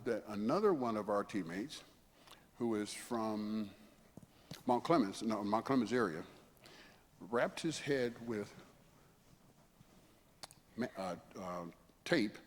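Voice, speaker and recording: Older man in his seventies, mid-pitched, spinning chatty anecdotes, echoing church hall. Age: 70s. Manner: rambling, chuckling, conversational with frequent asides. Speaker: guest speaker. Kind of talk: anecdotal storytelling talk. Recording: long hall reverb, faint background noise.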